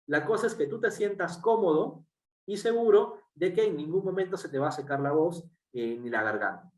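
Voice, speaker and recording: A workshop speaker with a Peruvian Spanish accent lectures step by step in a fairly high, animated voice at a moderate pace. He uses lots of fillers and tag questions, and the distant mic gives a roomy sound.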